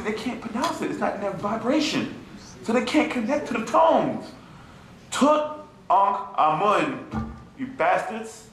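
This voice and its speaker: With a high voice, a man leads an informal class for a small group, speaking in a lively, mocking manner and repeatedly asking "you feel me?" The room is echoey, with faint background noise.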